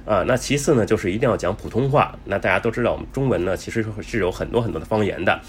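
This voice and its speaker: A man's voice: on the low side, slight background noise. A man giving travel advice in a casual, explanatory way, with many fillers and restarts. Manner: says he talks fast. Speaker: travel vlogger.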